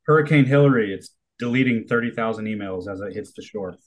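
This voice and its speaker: A man's voice: on the low side, fast talker. A man co-hosting a podcast in laid-back, joking chat, his voice coming through a laptop speaker. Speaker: podcast co-host. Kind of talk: casual chat.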